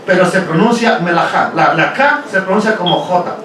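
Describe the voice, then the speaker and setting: Speaking at normal speed in a high, expressive voice, this congregation teacher delivers a chatty Bible study lecture, checking in with "ok?" and posing rhetorical questions. He's captured from a distance in a very echoey meeting hall, with a faint hiss in the background.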